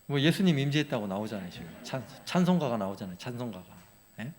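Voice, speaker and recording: A man's voice: mid-range voice, very animated, fast talker, a little mellow, faint music behind. A man, a church pastor, teaching a Bible memorization lesson and often asking the congregation questions. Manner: engaging, asks congregation questions.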